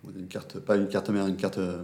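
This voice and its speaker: A man giving a film recommendation in casual talk, halting and searching for words with many fillers. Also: deep voice, completely flat delivery, a little mellow.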